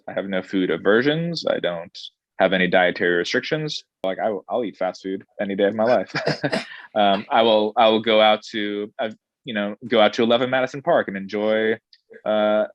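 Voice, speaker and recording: Restaurant director, man, thirties, low and thoughtful, muffled dry sound. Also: no echo. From born in Saudi Arabia, grew up in Indonesia. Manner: thoughtful, measured, with frequent ums and restarts. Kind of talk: interview answers.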